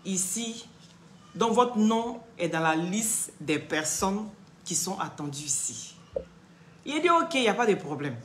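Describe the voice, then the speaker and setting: A woman's voice: medium pitch, sing-song, unhurried, fairly bright tone, reverberant, slight background noise. A young woman, telling a story on a casual live stream. She acts out both sides of the dialogue and keeps checking in with her listeners.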